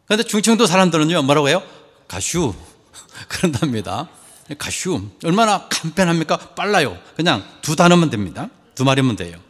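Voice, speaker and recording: A man's voice: on the high side, big pitch swings, fast, a bit bright, long reverb tail. A man preaching a sermon as pastor, joking with the congregation and asking them questions.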